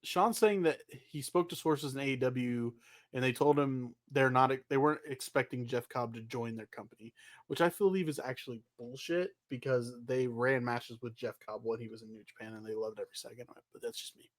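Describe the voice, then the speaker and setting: A man's voice: medium pitch, a little fast, no room sound. A man co-hosting a wrestling news podcast in a casual, wry, offhand conversational way.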